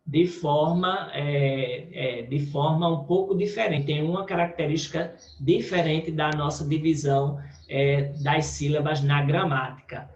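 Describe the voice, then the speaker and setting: A male teacher with a Brazilian Portuguese accent, patiently explaining a recorded lesson with many check-ins to the class. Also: on the high side. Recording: echoey room, dull lo-fi audio.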